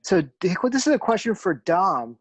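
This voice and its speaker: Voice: mid-range voice, sing-song, normal speed, dry recording. An interview host asking a long, winding question in casual chat.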